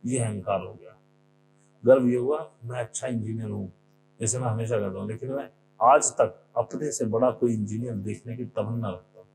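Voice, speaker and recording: A man speaks in a relaxed spiritual talk, drawing on his own life and often mimicking what other people said. His voice has a gravelly edge. The recording carries clear background noise and a steady hum. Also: mid-range voice, normal speed. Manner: conversational, leans on examples from his own life. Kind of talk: informal spiritual discourse.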